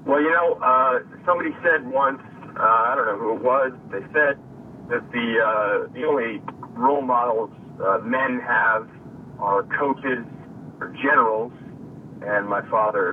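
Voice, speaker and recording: Guy calling in over the phone, low voice, tinny far-off line w faint hiss, halting and deadpan. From Connecticut. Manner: hesitant, halting with many fillers, dry deadpan humor. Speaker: caller. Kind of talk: casual call-in chat.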